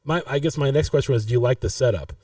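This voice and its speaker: A man's voice: mid-range voice, fast talker, mellow, dry recording, distant mic. A man hosting a casual live-stream podcast, rambling and restarting his sentences. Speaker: podcast host.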